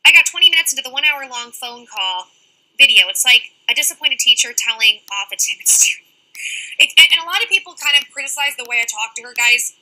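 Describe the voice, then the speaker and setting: A young woman talks through a casual livestream, reading out comments from her chat and answering each one directly. Her voice sits high and sounds very bright and forward. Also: lively intonation, rough recording. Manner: fast-talking, reads out chat comments and answers them directly.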